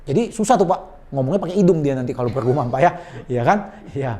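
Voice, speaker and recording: A male sales trainer talks quickly and with animation, mid-pitched and energetic. He explains his points in a conversational coaching style, throwing in quick asides and polite forms of address. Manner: often addresses the listener as "Pak".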